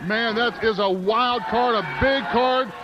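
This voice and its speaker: A man calling live pro wrestling play-by-play in an excited, exclamatory way. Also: extremely high pitch, slow. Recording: dull lo-fi broadcast, very noisy.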